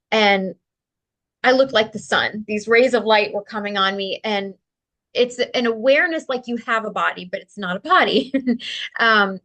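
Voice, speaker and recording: Her voice sits fairly high and sounds rather bright. She's a spiritual practitioner appearing as an interview guest, sharing a personal story earnestly and openly, with small laughs and filler words.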